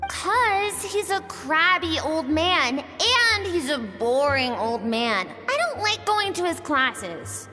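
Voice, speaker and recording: An actress voicing a bold, restless young girl in a game, cheeky and excitable. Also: extremely high pitch, slow pace, hardly any pauses, heavily acted. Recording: game audio with long reverb and music.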